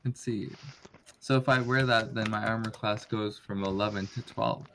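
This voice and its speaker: Excitable tabletop player. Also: male voice, fairly low pitch, normal speed, creaky, slight background noise. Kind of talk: tabletop role-play.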